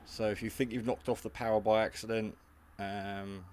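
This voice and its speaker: In a garage, a man with a lowish, darkish, clear and resonant voice walks through a casual product demo at normal speed. He sounds matter-of-fact and slightly hesitant, with little pitch movement, drifting from point to point like a hobbyist reviewer explaining how something works.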